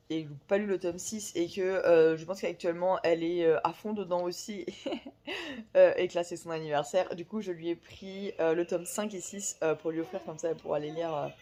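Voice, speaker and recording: A woman's voice: lowish voice, a little mellow. A woman chatting casually about a book she is reading, hesitant, with many fillers and restarts. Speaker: book vlogger. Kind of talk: casual chat about books.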